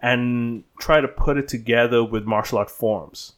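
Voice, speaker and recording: A man in his thirties who grew up in the Bahamas, chatting as an interview guest. His voice sits in an ordinary middle register, and he rambles easily, often restarting sentences and filling pauses. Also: mid-range voice. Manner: relaxed, rambling, many restarts and fillers. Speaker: guest, stunt performer. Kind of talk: casual interview storytelling.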